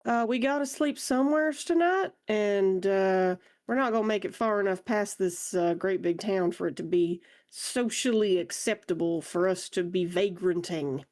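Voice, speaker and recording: A woman's voice: mid-range voice, moderate pace, hardly any pauses, a little mellow, lightly acted. A woman playing a wry, genteel traveller with folksy, colloquial talk in a tabletop game. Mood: practical, teasing.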